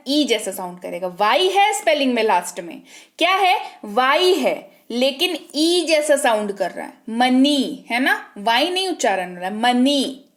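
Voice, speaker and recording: Woman teacher going slow over spelling rules, higher voice, spells each word out letter by letter. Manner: patient, asks and answers her own questions. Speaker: English teacher. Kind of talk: spelling lesson in Hindi.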